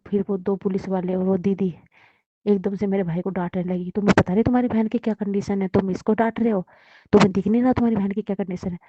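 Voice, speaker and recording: Woman, devotee giving a testimony, mellow dry voice, muffled recording. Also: medium pitch, breathy edge, dry recording. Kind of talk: personal testimony.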